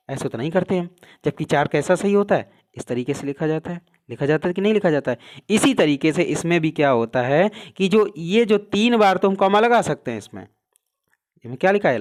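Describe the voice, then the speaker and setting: A man teaches a Hindi grammar class for exam prep, posing questions and answering them himself. At the ends of his answers, his voice drops low and soft.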